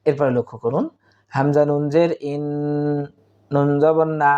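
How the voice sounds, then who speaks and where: A man teaching Quran reading in Bengali, spelling out letters and vowel marks slowly and repeating syllables for students. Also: fairly high pitch, steady tone, phone-quality sound. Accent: Bangladeshi Bengali. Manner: slow, drawn-out spelling of letters and vowel marks, then recited Arabic words.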